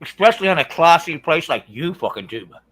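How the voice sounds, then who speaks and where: A man's voice: fairly high pitch, animated, fast, fairly bright tone. A man hosting a live stream, chatting casually with viewers in crude, profane banter and mumbling to himself while he clicks around. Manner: mumbles while fiddling with screen. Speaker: livestream host.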